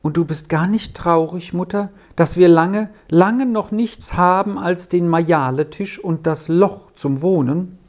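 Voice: medium pitch, a little slow, hardly any pauses, a little mellow, natural voice. A storyteller voicing a timid young boy in an audiobook reading, speaking in a shy, pleading way.

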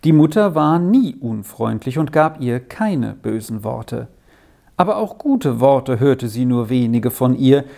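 Gravelly, warm storybook narrator. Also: mid-range voice. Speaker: audiobook reader.

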